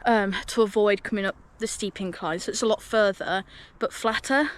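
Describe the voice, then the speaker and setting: A woman's voice: mid-range voice, fairly even intonation, moderate pace. A woman from the UK, out of breath, chatting to camera on an outdoor hike with lots of ums. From United Kingdom. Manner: chatty, upbeat, with frequent ums. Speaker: hiking vlogger. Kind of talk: casual vlog to camera. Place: outdoors on a hill path.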